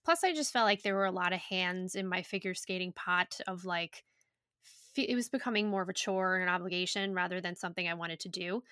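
A woman hosting a casual podcast, chatty and profane, her voice a little raspy. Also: on the low side, fairly quick, a bit bright, dry recording, studio quality. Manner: chatty, loose and profane, with many likes. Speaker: podcast host and yoga teacher. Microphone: home podcast microphone.

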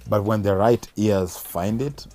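A man's voice: fairly low pitch, measured pace, warm tone. A man with a Kenyan accent talking casually and reflectively as a guest musician in an interview.

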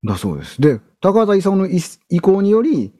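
A man with a Kansai accent co-hosting a podcast in casual chat, relaxed as he tells the story, with playful jokes. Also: high voice, a little fast. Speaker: podcast co-host.

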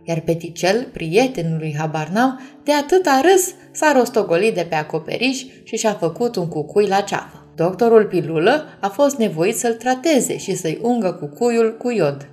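A woman reading a bedtime story aloud, gently addressing the children listening. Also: mid-range voice, expressive, hardly any pauses.

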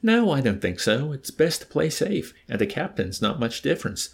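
A man's voice: medium pitch, very animated, normal speed, gravelly, husky, voice pushed up, heavily acted. A man reading aloud and voicing a smug, sly male colonel who speaks casually and self-satisfied.

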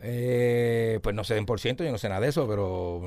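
A Puerto Rican man in comedic radio banter, talking in an animated, exclamatory, teasing way. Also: mid-range voice, normal speed, dry recording, clean studio sound. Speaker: radio co-host.

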